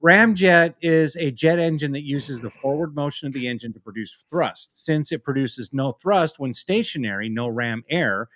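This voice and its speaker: A man's voice: fairly high pitch, normal speed, hardly any pauses, a bit bright, dry recording. A man co-hosting a podcast, explaining technical points from notes in a casual way with some swearing. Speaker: podcast co-host.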